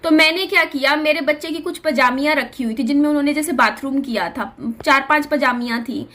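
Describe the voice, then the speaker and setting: A woman's voice: sits high, fairly quick, a bit bright. A young woman vlogger telling a personal story in an earnest, confiding way, often repeating herself.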